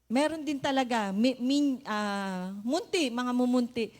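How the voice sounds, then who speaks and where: A woman's voice: a little high, lively intonation, unhurried, darkish tone. A woman giving a spoken testimony in church, earnest and polite as she addresses the congregation as brothers and sisters.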